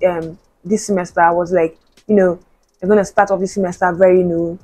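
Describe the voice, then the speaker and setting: A woman's voice: on the low side, little pitch movement, a little fast, dark tone, poor audio. A young woman, a university student chatting casually to camera, full of "like" and "you know". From Nigeria. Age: young adult. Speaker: vlogger.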